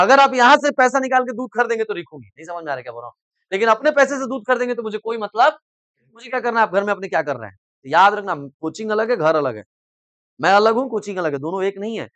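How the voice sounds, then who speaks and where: एक अधेड़ उम्र का पुरुष शिक्षक कोचिंग की कक्षा में छात्रों को लेक्चर दे रहा है। वह आसान हिंदी में रोज़मर्रा के उदाहरण देकर समझाता है और बार-बार छात्रों से पूछता है कि बात समझ आ रही है या नहीं।. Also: male voice, high-pitched, fairly bright tone, dry recording. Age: middle-aged. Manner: repeatedly asks "samajh mein aa raha hai?" and prods students to answer; explains in simple Hindi with everyday examples. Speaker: commerce coaching teacher. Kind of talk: classroom lecture. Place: coaching classroom.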